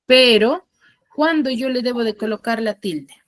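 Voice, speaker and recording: A woman teaching an online class, asking her students question after question and explaining slowly with emphasis. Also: a little high, no echo.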